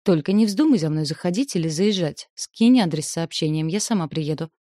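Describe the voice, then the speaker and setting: A woman voicing a sharp-tongued, irritable young female student with clipped, sarcastic retorts, in an audiobook. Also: on the low side, expressive, fairly quick, dry recording, studio quality. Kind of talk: audiobook character voice.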